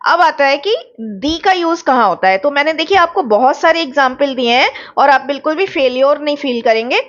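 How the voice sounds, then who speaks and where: A woman with a high voice and an Indian accent teaches English grammar in an online exam-prep lecture. She explains each point slowly and keeps checking that her students follow. The recording sounds a little dull and lo-fi. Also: expressive.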